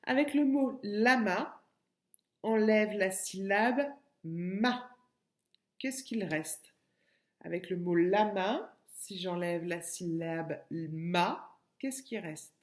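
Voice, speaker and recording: A woman teacher speaks very slowly and patiently to small children, spelling out syllables and saying each word twice. Her voice sits at an ordinary middle pitch. The room around her sounds roomy and echoey. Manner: slow, patient, repeats words and syllables. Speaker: kindergarten teacher. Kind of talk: remote lesson for young children. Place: home room by a window.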